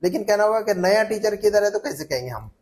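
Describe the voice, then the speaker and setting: A man's voice: sits high, animated, quick pace, darkish tone. A male Arabic teacher running a spoken drill, patiently repeating phrases and prompting students by name. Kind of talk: classroom language drill.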